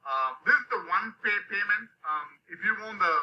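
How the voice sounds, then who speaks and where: A man from Sri Lanka who grew up in India hosts a live online session, pitching a course to viewers in an upbeat, pushy way, tagging his sentences with "okay?" and "right?". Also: lively intonation, normal speed. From Sri Lanka, raised in India. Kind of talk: live webinar sales pitch. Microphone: video call microphone. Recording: dull lo-fi video call audio.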